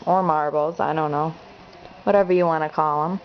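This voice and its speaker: A woman's voice: deep voice, fairly even intonation, moderate pace, highs cut off, slight background noise. A woman quizzing a toddler in a home video, asking short questions and praising each answer. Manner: sing-song praising questions. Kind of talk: home video teaching session.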